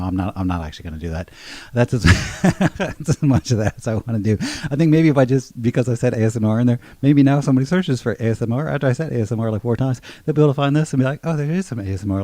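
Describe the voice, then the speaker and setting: A man's voice: medium pitch, dark tone, no echo. A man musician chatting casually between songs on a live stream, easygoing and rambling with a self-amused tone.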